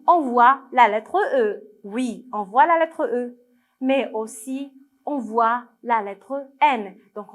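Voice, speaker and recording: A woman's voice: on the high side, fairly bright tone. A woman with a Moroccan accent teaching French to young children in a video lesson, patient and repeating each word for her pupils. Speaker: primary school French teacher.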